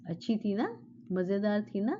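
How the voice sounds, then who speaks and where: A woman telling a children's story in Hindi, explaining words and talking warmly to the kids listening. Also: medium pitch, big pitch swings, normal speed, dull audio, slight background noise.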